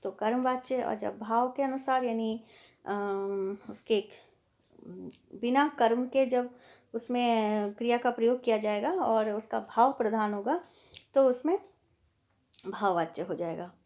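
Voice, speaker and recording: A woman's voice: a little high, a little slow, a little mellow. A woman teacher explaining a textbook lesson patiently, stopping to work through examples. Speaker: Hindi teacher.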